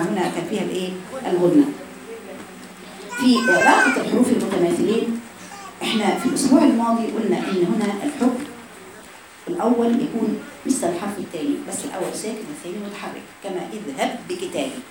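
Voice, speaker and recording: A woman with an Egyptian accent teaching Quran recitation to a class of students, quizzing them with rhetorical questions and modelling slow recitations. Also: medium pitch, background noise. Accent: Egyptian Arabic. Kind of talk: classroom lesson. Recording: very echoey room from far off. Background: students present.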